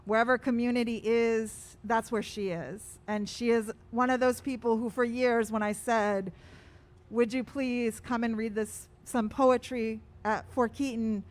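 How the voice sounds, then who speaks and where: A woman's voice: on the high side, steady tone, unhurried. Woman emcee introducing a poet. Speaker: event emcee. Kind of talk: introducing a performer. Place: outdoor street memorial gathering.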